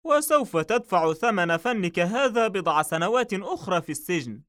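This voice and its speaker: A man doing a calm, sure detective. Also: normal speed. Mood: commanding. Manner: calm and assured, slightly raised pitch. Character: calm, confident male police detective.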